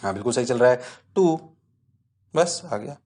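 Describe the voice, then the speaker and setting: At a moderate pace, a male teacher delivers an online exam-prep physics lesson with jokes and self-mockery. He constantly makes sure students are keeping up, occasionally dropping into a low student voice to reply to his own questions.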